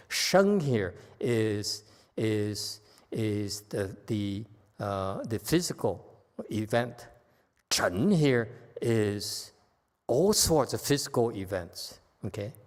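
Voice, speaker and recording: A Buddhist teacher with a Vietnamese accent and a fairly low-pitched male voice gives a dharma lecture in a temple hall. He's blunt and teasing, frequently checking in with listeners by asking "okay?"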